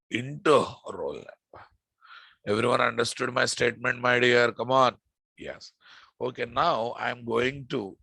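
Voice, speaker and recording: A man with a Telugu-flavoured Indian accent leads a live coding lesson. His voice is forceful and creaky, recorded close and dry. He repeats phrases and keeps putting check-in questions to his students. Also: medium pitch, no room sound, low-quality recording. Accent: Indian, Telugu-influenced. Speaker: programming instructor.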